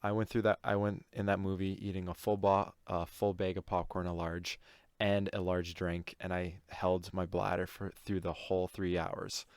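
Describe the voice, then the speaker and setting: Deep-voiced laid-back man, dry sound. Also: flat delivery, moderate pace, smooth, no room sound. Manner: laid-back, short remarks. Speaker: podcast co-host. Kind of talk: casual chat.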